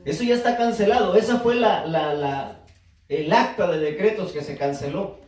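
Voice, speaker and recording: Speaking at normal speed in a high, darkish voice, a man preaches and invites the congregation to answer back as he teaches. The recording is distant, with church-room echo.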